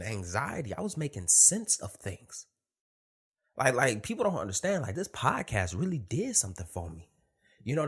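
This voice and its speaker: Male podcaster, lowish voice, swollen-tongue lisp, loose conversational monologue with emphatic repeats. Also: fairly bright tone, slightly rough. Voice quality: lisping, thick-tongued speech from a swollen tongue. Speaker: podcast host. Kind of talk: casual solo podcast monologue with profanity.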